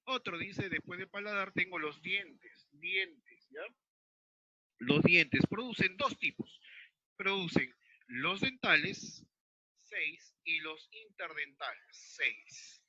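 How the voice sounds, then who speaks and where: A Peruvian man teaching an online class, explaining slowly and checking in with his students. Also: sits high, animated, bright, forceful tone, no room sound. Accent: Peruvian Spanish. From Peru. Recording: dull lo-fi sound.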